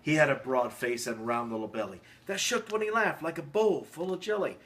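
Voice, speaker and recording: A man playing a jolly, hearty old Santa Claus, giving an expressive theatrical reading of a bedtime storybook. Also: on the high side, fairly quick, lightly acted. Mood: storytelling. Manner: jolly, expressive, with dramatic emphasis. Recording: faint background noise.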